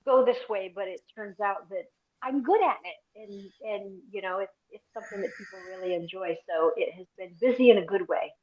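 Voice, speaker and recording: A woman's voice: medium pitch, brisk, a little mellow. A woman speaking as a life and health coach over a remote link whose audio cuts in and out, chatting easily and often trailing off. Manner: easygoing, trails off and repeats herself. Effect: remote audio cutting in and out. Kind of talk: casual livestream chat as a guest. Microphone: remote call. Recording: dull lo-fi remote call audio.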